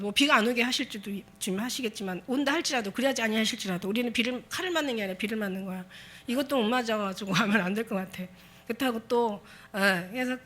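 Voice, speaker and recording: A woman's voice: fairly high pitch, fairly bright tone. A woman pastor preaching a Sunday sermon, impassioned and exhorting her congregation with emphatic repetition.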